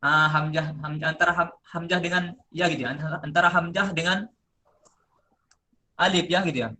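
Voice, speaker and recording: A man presenting a lesson on recitation, explaining step by step and slowly chanting drawn-out example words. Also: on the high side, steady tone, bright, forceful tone. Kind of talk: classroom-style lesson presentation.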